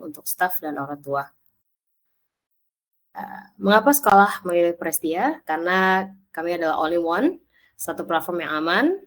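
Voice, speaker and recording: Lowish-voiced woman presenting a webinar. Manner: businesslike, reading prepared points with small stumbles. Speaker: education partnership and marketing manager, presenter.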